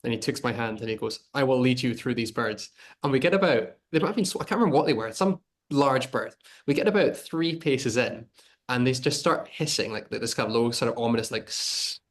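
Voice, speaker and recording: A man hosting a casual interview over a video call, chatty and animated as he tells stories and asks questions. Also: mid-range voice. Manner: quick, chatty, animated storytelling. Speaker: podcast host.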